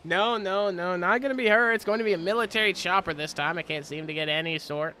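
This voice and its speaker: Male play-by-play race caller: high, bright voice, home mic, faint hum behind. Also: fast. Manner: apologetic, corrects himself on air. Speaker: sim racing play-by-play commentator. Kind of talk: live race commentary. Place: home, helicopters overhead.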